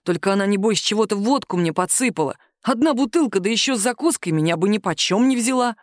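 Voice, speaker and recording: A gruff working man, as a woman narrator puts him on, sullen and grumbling. He mutters his complaints in a rough, plain voice. The sound is dry and close. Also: mid-range voice, lively intonation, fast talker, no room sound, close to an everyday voice.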